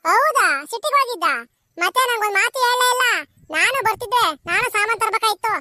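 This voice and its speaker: A woman's voice: extremely high pitch, fast, bright, forceful tone, no echo. A woman voicing a distraught village mother in a cartoon, melodramatic, wailing and cursing. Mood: curious.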